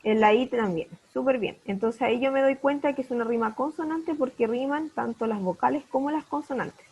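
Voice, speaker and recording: Patient teacher woman, husky voice. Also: high voice, fairly quick, darkish tone, low-quality recording. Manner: patient, checks understanding with repeated questions. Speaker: primary school teacher. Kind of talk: online class lesson. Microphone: video call.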